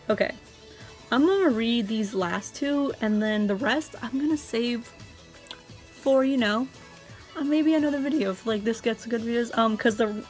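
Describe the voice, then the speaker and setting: A young adult woman vlogger in a casual, confessional chat, talking informally and rambling as she goes. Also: mid-range voice.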